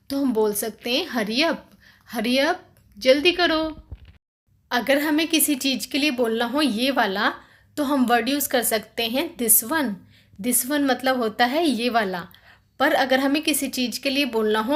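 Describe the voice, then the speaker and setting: A young woman with a high voice gives a patient lesson, explaining in Hindi. She says each short English phrase slowly and clearly, then repeats it with its meaning. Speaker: teacher of English phrases for parents. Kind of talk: scripted lesson.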